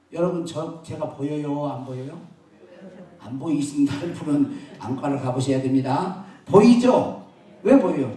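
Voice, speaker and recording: Male pastor, lively up-and-down preaching, far from the mic, booming echoey church hall. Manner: animated preaching, swings from loud emphatic bursts to soft asides; asks the congregation questions and jokes with them. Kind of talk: sermon. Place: church sanctuary.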